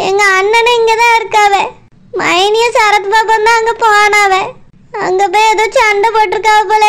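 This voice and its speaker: A tearful young wife in a cartoon, pleading with a Tirunelveli Tamil accent, as a woman acts her out. Her voice is high and bright, with a slightly distant sound. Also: a little hiss or hum.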